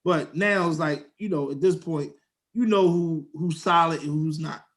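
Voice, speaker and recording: Young male co-host, high voice, animated slangy storyteller. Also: normal speed. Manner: animated storyteller, slangy, acts out quotes in a raised voice. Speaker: podcast co-host. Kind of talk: casual storytelling chat.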